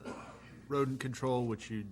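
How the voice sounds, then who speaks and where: A man's voice: mid-range voice, fairly even intonation, normal speed, a little hiss or hum. A man chairs a public meeting informally, putting questions in hesitant pieces.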